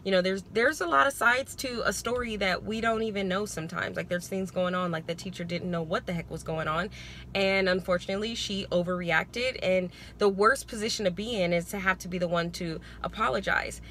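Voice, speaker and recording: A woman with a bright, forward voice talks to her viewers in a casual advice vlog. She explains things conversationally and leans on her points with emphasis. Her pitch is average, and some background noise sits behind the voice. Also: a little fast. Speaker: parenting vlogger.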